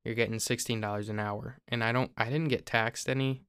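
In a casual explanatory chat, a young Ohio podcast host talks briskly and occasionally restarts a phrase. His voice is smooth and resonant yet flat in pitch, and the recording is dry and close with no echo.

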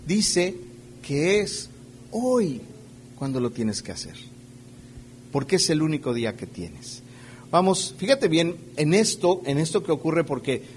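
A man preaches in a relaxed, conversational way, often asking his listeners rhetorical questions. His voice sits a little high for a man. A faint hum runs under his words. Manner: checks in with the audience through frequent rhetorical questions; playfully acts out everyday scenes while preaching. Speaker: pastor. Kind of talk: conversational sermon.

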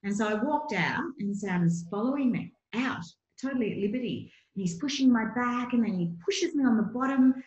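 A woman's voice: a little high, expressive, brisk, few pauses, a little mellow, lo-fi sound. A middle-aged woman, a guest coach telling a personal story in an earnest, chatty way with many fillers. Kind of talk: casual interview storytelling. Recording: echoey room.

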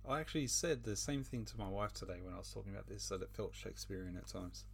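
A man's voice: fairly low pitch, fast, vocal fry, a bit bright, slight background noise. A man leading a casual book discussion, thinking aloud with many fillers and hesitations.

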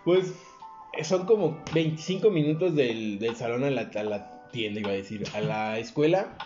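In an informal podcast conversation, a young male co-host with a Mexican Spanish accent spins a crude, slang-heavy story and imitates the voices of those he quotes. He speaks in a mid-range, animated, slightly mellow voice at normal pace; the sound is roomy and dull lo-fi, with faint music.

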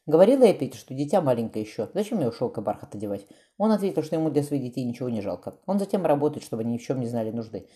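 A woman's voice: a bass voice, sing-song, rapid-fire, hardly any pauses, mellow. A woman voicing a meek, devout young wife who speaks earnestly and dutifully in an audiobook.

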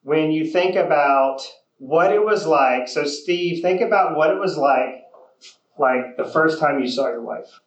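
A man's voice: fairly high pitch, unhurried, lo-fi sound. A man with a slightly raised voice runs a training session for real estate agents. He talks straight to the group and keeps asking them to agree with him. The room around him echoes. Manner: coaching, direct, asks the room for agreement.

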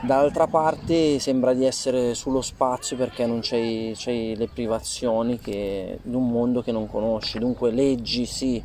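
A man giving informal, halting testimony as an interview guest outdoors, rephrasing as he goes, his voice slightly muffled by a face mask. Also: medium pitch, little pitch movement, dark tone. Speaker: interview guest telling personal experience. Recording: faint outdoor ambient noise. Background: outdoor ambient noise.

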